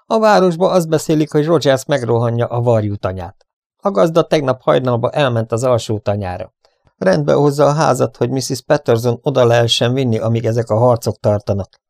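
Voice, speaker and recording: A man's voice: mid-range voice, expressive, creaky, darkish tone, no echo, clean studio sound, pitched above the performer's own voice. A man voicing a jolly male ranch hand who calls out greetings and brings news in a hearty manner. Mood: cheerful.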